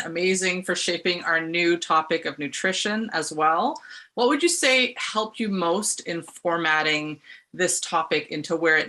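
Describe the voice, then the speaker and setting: A woman's voice: lowish voice, bright, forceful tone. A woman hosting an online meetup over a video call, asking questions in an informal, chatty way. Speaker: host.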